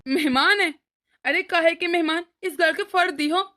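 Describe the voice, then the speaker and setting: An irritable elder son from a cartoon family story, played by a woman. He argues and complains in a very high, bright voice. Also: moderate pace. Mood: arguing. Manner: complaining, argumentative.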